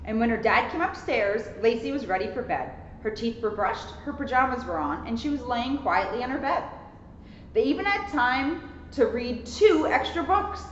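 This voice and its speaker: At a moderate pace and fairly high pitch, a police officer, a young adult woman, reads a children's storybook aloud with animation, adding chatty asides. The setting is an indoor lounge in a borough hall. Expect an echoey, muffled recording with some noise.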